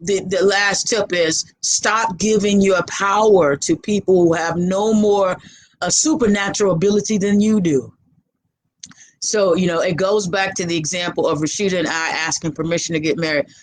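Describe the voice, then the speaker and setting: A woman's voice: fairly low pitch, fairly even intonation, moderate pace, rough recording. A woman guest giving motivational life advice in a conversational way, repeating phrases for emphasis.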